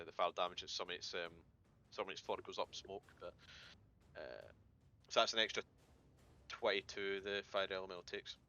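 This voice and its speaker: A man's voice: sits low, sharp tone, highs cut off. A man running a tabletop game, thinking aloud and swearing casually. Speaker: game master.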